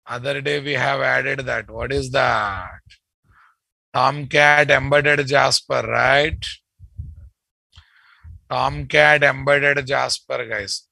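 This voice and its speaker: A male coding instructor with a Telugu Indian accent speaks to his students at a measured, slow pace. His voice is sharp and forward with a creaky edge. He restates instructions and keeps tagging questions onto the ends of his sentences. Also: mid-range voice, fairly even intonation, no room sound, rough recording. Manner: repeats phrases, ends with checking tag questions. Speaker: programming instructor. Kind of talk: live coding lesson, addressing students.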